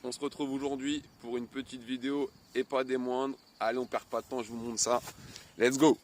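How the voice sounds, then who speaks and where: A man casually unboxing and reviewing a replica pistol, chatty and animated, reading off specs with many fillers. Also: medium pitch, brisk, a little hiss or hum. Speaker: airsoft unboxing vlogger.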